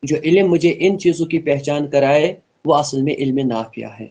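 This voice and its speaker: A man with a slightly high voice leads an online Quran class. He explains each pronunciation rule earnestly and repeats his points for the students. He then models the verses in a slow, melodic recitation. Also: dark tone, muffled recording. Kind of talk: online tajweed lesson, explaining and slowly reciting.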